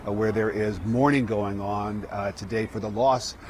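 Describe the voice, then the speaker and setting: Male live reporter, fairly low register, halting ad-lib delivery, light outdoor noise. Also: steady tone, a little mellow. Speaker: field news reporter. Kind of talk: live news reporting, ad-libbed. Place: outdoors at the scene. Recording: outdoor street and traffic noise.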